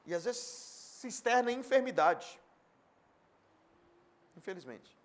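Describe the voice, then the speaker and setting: A male pastor delivers a sermon in a high, very lively voice. He swings between loud, emphatic bursts and quiet asides, and acts out imagined speakers in direct quotes. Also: unhurried.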